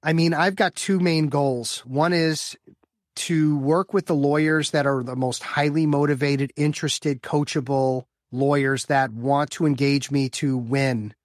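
This interview guest, a man in his fifties from the Chicago area who coaches lawyers on business development, answers enthusiastically and upbeat, often repeating words as a point takes shape. His voice is on the high side, steady and unhurried, captured dry in clean studio sound.

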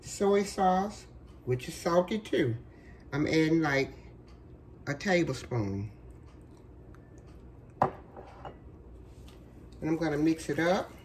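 Speaking slowly with frequent pauses, this woman has a deep, animated, slightly mellow voice roughened by a cold. She's the folksy host of a home cooking video, chatting away in her kitchen with plenty of fillers. A faint background noise is present.

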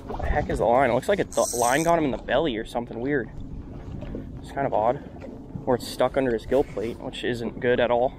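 A young man with a medium-pitched voice narrates his casual fishing vlog briskly, speaking to an action camera on his small open flats boat. Upbeat, he addresses the camera while working the line, and outdoor wind and boat noise come through.

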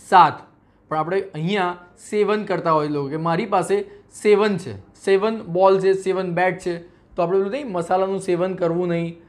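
A man with a high voice and a Gujarati accent teaches English pronunciation. He spells words out letter by letter and acts out the everyday mistakes people make. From Gujarat, India. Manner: acts out common mispronunciations with everyday examples. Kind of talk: teaching lesson.

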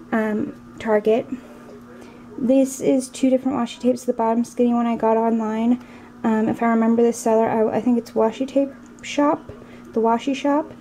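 A woman's voice: on the high side, dark tone, slight background noise, rough recording. A young woman vlogging from home, chatting casually about her shopping hauls and planner decorations, full of "like" and fillers. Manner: chatty, gushing, filler-heavy with "like". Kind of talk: casual show-and-tell vlog. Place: at home indoors.

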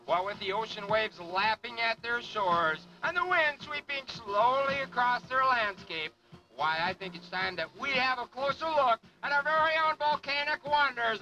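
A man's voice: very high-pitched, moderate pace, pushed and bright, soft background music, rough recording. A man announcing a live water ski show outdoors, with florid, hammy pirate-flavored patter.

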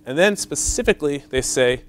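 In a lecture hall, a man delivers an academic conference talk in a slightly high, animated voice at a somewhat quick pace. He walks through his points step by step, using lots of fillers and checking in with the audience through "right?" and "okay?".

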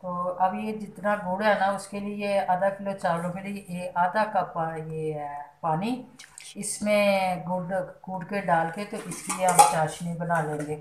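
A woman's voice: fairly low pitch, steady tone, unhurried, background noise. A middle-aged woman hosting a home cooking demonstration from her kitchen, explaining each step in a homely way and adding blessings. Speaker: cooking channel host. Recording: echoey kitchen, faint clatter. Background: clinking pots and utensils.

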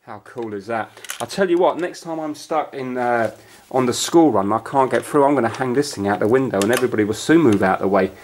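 Working through an amateur repair on camera in a carpeted home room, a man with a mid-range voice talks fairly quickly, musing aloud in casual, off-the-cuff commentary. Clicks and noise from the home camera fill the audio.

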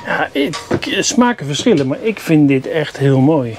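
In this casual walkthrough vlog, a man tours a motorhome at a product show, reviewing campers with chatty enthusiasm and mild complaints. He speaks at an unhurried pace in a higher, sing-song voice, picked up by noisy camera audio.

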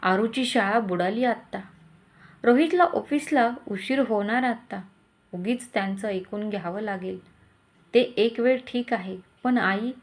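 A woman voicing an anxious young wife and mother, talking in a flustered, worried way. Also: fairly high pitch.

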